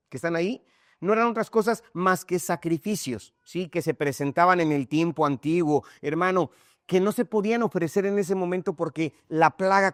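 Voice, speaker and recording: A man's voice: fairly high pitch, no room sound, studio quality. A male pastor preaching an emphatic sermon, speaking straight to his congregation and often addressing them as brother. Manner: emphatic preaching, often calls listeners "hermano".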